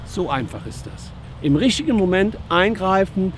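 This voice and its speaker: A man who works as a dog trainer, giving lively casual commentary outdoors as he talks to the dogs and to his viewers. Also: high-pitched, moderate pace, slight background noise.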